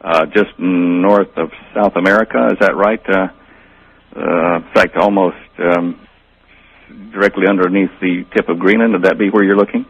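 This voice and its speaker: A man's voice: deep voice, steady tone, moderate pace, husky. A man speaking as a guest on a call-in radio show, heard over a phone line, talking hesitantly with many ums and restarts. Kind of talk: unscripted call-in talk. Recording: muffled phone line with faint hiss.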